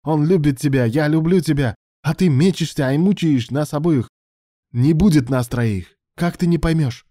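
A man voicing an emotional young male lover who pleads and shouts in a raised voice. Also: moderate pace, dry recording, clean studio sound, natural voice. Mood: furious. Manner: high-pitched, pleading then shouting.

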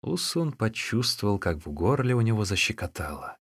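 Low-voiced, expressive male storyteller. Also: normal speed, breathy edge, dry recording, studio quality. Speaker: narrator. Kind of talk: audiobook narration of a classic novel.

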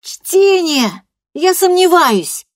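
A woman voicing a hot-tempered teenage girl who shouts back in shrill outbursts. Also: normal speed, no echo, studio quality. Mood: shouting.

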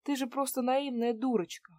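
A woman's voice: high-pitched, fairly even intonation, normal speed, warm tone, dry recording, clean studio sound, pitched above the performer's own voice, lightly acted. A woman voicing a spoiled, cynical man around forty who needles and mocks. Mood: mocking. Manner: sarcastic, needling questions.

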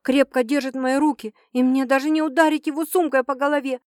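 A woman's voice: high-pitched, fairly even intonation, fairly quick, darkish tone, no room sound, clean studio sound. A woman reading a first-person audiobook with dramatic, tense storytelling. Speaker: audiobook narrator.

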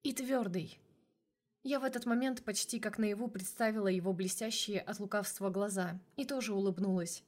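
A woman narrates a first-person novel, her voice sitting at a middle pitch. She tells the story in an even, steady storytelling manner. It is a calm audiobook reading. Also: a little fast, few pauses.

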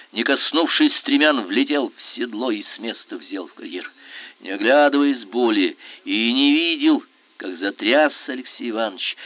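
A man reading a historical novel aloud with dramatic, expressive narration, over a tinny, phone-like radio line. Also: medium pitch. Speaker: audiobook narrator.

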